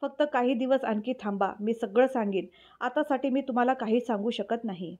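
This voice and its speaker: A fragile, tearful young woman who speaks quietly and softly, read by a woman narrator. Her voice is mellow and a little high. The recording sounds muffled and lo-fi. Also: a little fast, natural voice. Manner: quiet and soft-spoken.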